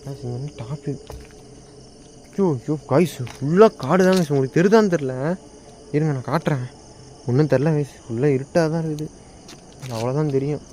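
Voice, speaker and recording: High male voice, scared ghost-hunt vlogger, crickets faint in background. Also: fairly quick, pauses often, dark tone, a little hiss or hum. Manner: fearful, pleading, calls out to a spirit. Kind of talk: night ghost-hunting vlog. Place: empty house at night, indoors.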